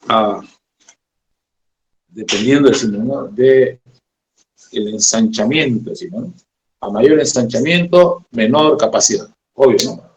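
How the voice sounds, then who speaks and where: Slow, halting male teacher in an echoey room. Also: medium pitch, darkish tone, slight background noise. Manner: slow, halting, keeps adding "decimos, ¿no?". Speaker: electronics teacher. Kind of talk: classroom lecture.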